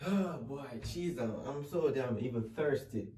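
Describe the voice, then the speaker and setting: A man's voice: mid-range voice, animated, measured pace, mellow, far from the mic, a little hiss or hum. A man playing himself in a comedy sketch, flustered and apologetic. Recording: echoey room, off-mic.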